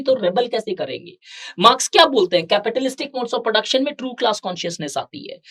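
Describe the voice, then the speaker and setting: A woman teaches an exam-prep class. She explains step by step and keeps turning to the students with questions. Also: a little high. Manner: explains in mixed Hindi and English, with rhetorical questions to students.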